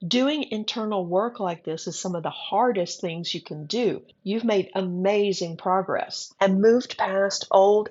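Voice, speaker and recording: A woman's voice: mid-range voice, a little mellow, breathy edge, lo-fi sound. Chatty, encouraging woman astrologer. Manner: chatty, encouraging, a little wry. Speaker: astrology reader. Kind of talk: horoscope forecast to camera.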